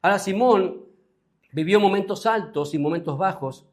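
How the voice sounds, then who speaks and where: A man with a Rioplatense Spanish accent, a pastor preaching a sermon, often rising in pitch and volume and asking the congregation questions. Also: normal speed. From Uruguay.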